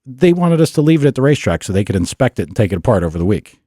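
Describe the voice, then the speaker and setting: A man telling stories casually on a podcast, animated and acting out the voices of others. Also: mid-range voice, racing, slight background noise. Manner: animated storyteller, acts out quotes in a raised voice. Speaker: podcast guest. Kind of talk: casual storytelling.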